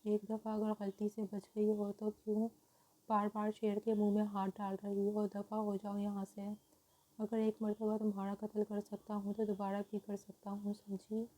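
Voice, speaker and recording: A woman's voice: medium pitch, monotone, mellow, lightly acted, low-quality recording. A woman reading as a harsh threatening young lord. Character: cruel domineering young man, feudal lord.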